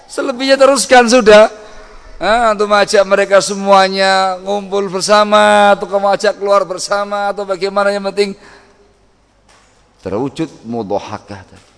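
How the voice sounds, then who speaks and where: A middle-aged man preaching a sermon on family life, lively, acting out home scenes in sudden loud voices. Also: sits high, normal speed, creaky, clean tone. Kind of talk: Islamic sermon.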